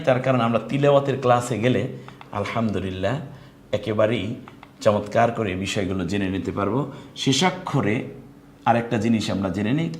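Bangladeshi male Quran tutor on a live lesson, patient and explanatory, in an echoey room with a faint hiss behind him. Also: mid-range voice. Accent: Bangladeshi Bengali. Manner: explains slowly, then draws out sung example words. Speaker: Quran recitation teacher.

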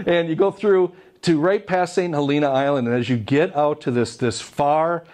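A man's voice: on the high side, moderate pace, darkish tone. A middle-aged American man giving an informal, chatty history lecture into a handheld microphone, speaking through a cloth face mask. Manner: chatty, conversational with asides to the audience. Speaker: public lecturer, documentary filmmaker and historian. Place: indoor meeting room, presenting to an audience. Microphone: handheld microphone held to masked mouth.

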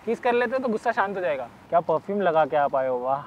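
High-voiced young man, pushy mock romance. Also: sing-song, fast talker, muffled recording, soft background music. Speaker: prankster. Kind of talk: hidden-camera prank banter. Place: outdoors in the rain. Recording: noisy outdoor street recording.

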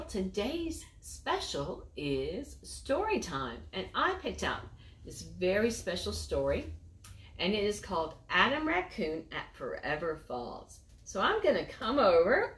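A woman teaching preschoolers, leading a prayer and reading a storybook aloud in a gentle, encouraging way. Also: mid-range voice, a little hiss or hum. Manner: gentle and encouraging, speaking to small children. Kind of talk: children's lesson and storybook reading.

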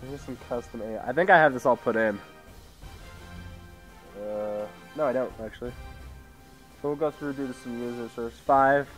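With a medium-pitched voice, a moderate pace, and frequent pauses, a sick teenage boy from Idaho, USA, reads out game settings in loose, casual commentary at home. The gaming YouTuber has a sore throat, faint music plays behind him, and he uses a tangled-cord headset mic.

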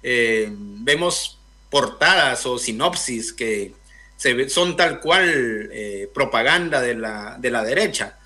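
A man's voice: mid-range voice, lively intonation, takes it slowly, pushed and bright. Hesitant young man from Guatemala. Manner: thoughtful, hesitant with many fillers. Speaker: guest filmmaker. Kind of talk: radio interview. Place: indoor room, video call.

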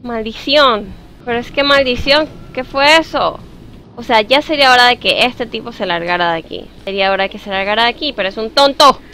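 Young woman streamer, high and bright, nervous live horror-game commentary. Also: brisk, slight background noise. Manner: jittery, scared, talks to her viewers and greets them by name. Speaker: gaming streamer.

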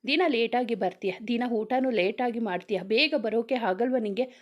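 Storybook mother, caring, gently chiding, woman reader doing her, slightly high. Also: normal speed, close to an everyday voice. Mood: reproachful. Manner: gently reproachful. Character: caring mother of a grown son.

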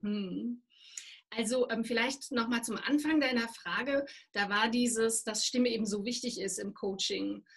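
A woman working as a voice and presentation trainer, explaining calmly and instructively in an interview. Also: a little high, measured pace, vocal fry, husky. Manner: calm, instructive, demonstrates breathing.

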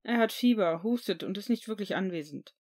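A woman's voice: mid-range voice, animated, brisk, darkish tone, lightly acted. A woman reading an earnest teenage boy wizard. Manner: earnest, caring.

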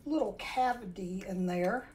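Speaking a little slowly at medium pitch, this Southern home cook presents recipes indoors in her kitchen, keeping the tutorial casual and folksy. Faint kitchen sounds can be heard on the home video.

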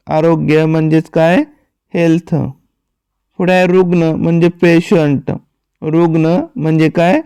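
A man teaching vocabulary in a slow, repetitive drill, saying each word, asking its meaning, then answering it himself. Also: on the high side, a little mellow, clean tone, dry recording.

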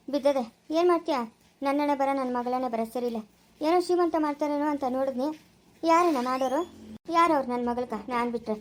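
A woman acting out a sharp-tongued village mother with a rural Chikkaballapura Kannada accent, her voice very high and piercing. She talks fast and accusingly, always ready to pick a quarrel. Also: a little hiss or hum, natural voice. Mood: complaining. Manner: scolding, rapid and accusing. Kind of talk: amateur family skit acting.

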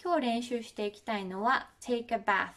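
A woman's voice: a little high, expressive, normal speed, a bit bright. A Japanese woman in her thirties giving a video lesson on English pronunciation, explaining politely and encouragingly as she demonstrates sounds. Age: 30s.

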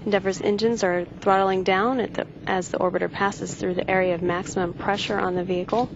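A woman's voice: medium pitch, level tone. Woman mission control commentator, slightly muffled feed. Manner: measured, factual. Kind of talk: live launch commentary. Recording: dull broadcast feed, faint noise.

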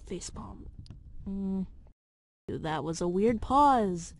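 A woman's voice: on the high side, a little mellow. A woman with a Texan accent reads a fan video script from her phone, tripping over words and mocking herself through outtakes. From Texas. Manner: stumbling, self-mocking, grumbling. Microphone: headset mic.

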